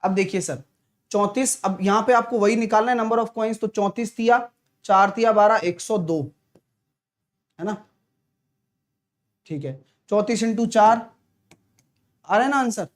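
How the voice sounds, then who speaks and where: Soft-spoken Hindi maths teacher with sore throat. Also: male voice, high voice, measured pace, pauses often. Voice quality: clears throat often, talks softly to spare it. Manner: chatty, teasing, answers viewers' comments. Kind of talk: live online maths class.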